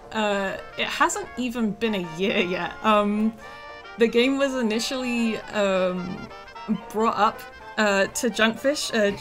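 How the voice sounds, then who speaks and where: A woman game developer with a scratchy, rough voice from feeling unwell, chatting casually through a livestream of her studio's game, with many ums and uhs. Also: on the high side, fairly bright tone. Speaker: game developer streaming a demo.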